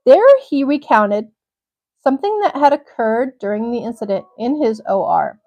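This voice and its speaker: A woman's voice: on the high side, lively intonation, normal speed, mellow. A young woman hosting a livestream, reading a crime article aloud and cutting in now and then with blunt, swearing reactions. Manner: reads steadily, breaks off with blunt swearing reactions. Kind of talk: reading aloud with personal asides.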